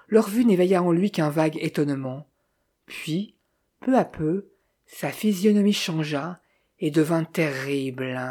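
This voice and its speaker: Husky, dark-voiced woman reading a novel. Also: on the low side. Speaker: audiobook reader. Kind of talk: first-person novel narration.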